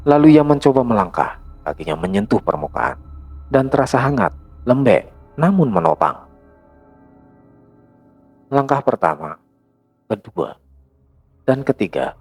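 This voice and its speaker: Brief: male horror narrator, gravelly and husky, lively pitch, faint music bed. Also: a little slow, long pauses. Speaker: storyteller.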